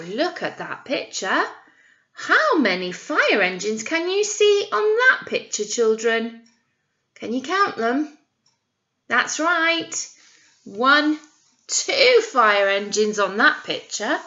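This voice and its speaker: In a slow, sing-song manner, a British teacher with a high-leaning, sharp-toned voice reads a picture book to young children and regularly prompts them with encouraging questions. The audio is dull.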